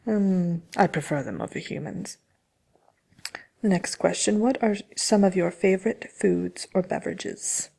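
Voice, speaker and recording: A woman voicing the smug, envious Wicked Witch in a soft ASMR roleplay, talking slyly and haughtily with hesitant pauses. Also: medium pitch. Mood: smug, chatty. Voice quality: breathy, creaky, often near whispering. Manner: sly, haughty, hesitant with many drawn-out pauses. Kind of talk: ASMR roleplay, soft-spoken chatty answers to listener questions.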